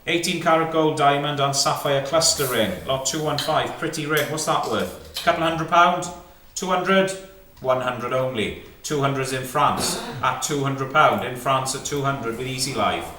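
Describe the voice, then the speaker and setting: Bright-voiced male auctioneer in an echoey saleroom. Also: mid-range voice, moderate pace. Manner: clipped, repetitive number calling with short prompting questions. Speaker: fine art auctioneer. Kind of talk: live auction calling, rapid chanted bids and lot descriptions. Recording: echoey saleroom, distant mic, faint noise.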